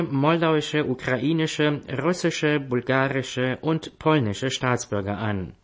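A man reading a scripted news bulletin in a formal manner as a radio newsreader. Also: a little high. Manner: formal, headline then story.

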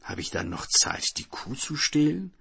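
A man's voice: mid-range voice, sing-song, normal speed, creaky, a bit bright, breathy edge, pitched above the performer's own voice, full character voice. A man voicing a greedy male thief who bickers with his partner. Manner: stubborn, bickering.

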